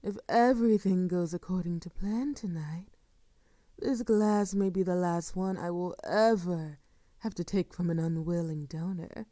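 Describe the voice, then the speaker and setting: A woman playing a sadistic, seductive vampire in an intimate audio roleplay, speaking softly and formally with a silky, teasing menace that often sinks toward a whisper. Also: fairly low pitch, unhurried, no echo, studio quality, lightly acted. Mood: smug, courtly. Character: sadistic, seductive female vampire, courtly and predatory. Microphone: close microphone, dry.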